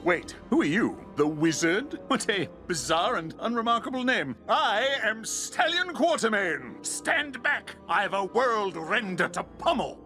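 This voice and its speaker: A man's voice: high-pitched, very animated, measured pace, hardly any pauses, pushed and bright, faint music behind, full character voice. A man playing a boastful old-fashioned explorer hero in a video game, pompous, theatrical and given to exclaiming. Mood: bombastic, surprised. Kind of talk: video game character acting.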